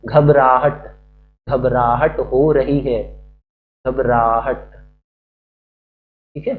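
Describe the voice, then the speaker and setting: A man's voice: medium pitch, steady tone, extremely slow. A male teacher giving a classroom-style grammar lesson, asking questions and answering them himself, repeating the key words. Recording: muffled recording with faint hum.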